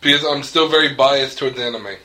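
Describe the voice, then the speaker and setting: Rambling man with a bright voice. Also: medium pitch, brisk, low-quality recording. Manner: rambling, joking. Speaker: podcast co-host. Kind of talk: casual chat.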